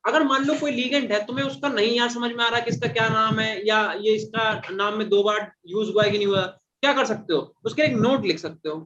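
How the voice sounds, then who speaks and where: Man teacher, fairly high voice, dull lo-fi classroom recording, repeats and quizzes students. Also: a little fast, hardly any pauses, bright, forceful tone, a little hiss or hum. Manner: repeats and quizzes students, calls them "beta". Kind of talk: classroom chemistry lecture.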